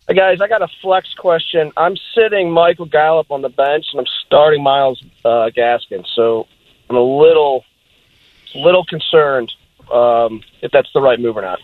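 A man's voice: on the high side, normal speed, no echo. A man phoning in to a radio show, asking a casual question and sounding a little unsure. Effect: phoned in to a radio show. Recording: tinny phone line.

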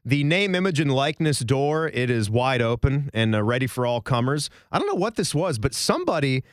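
A man's voice: medium pitch, big pitch swings, a little fast, dry recording. A man hosting a casual college basketball podcast, chatty and jokey, recorded in a station studio. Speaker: podcast host. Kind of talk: casual sports podcast chat.

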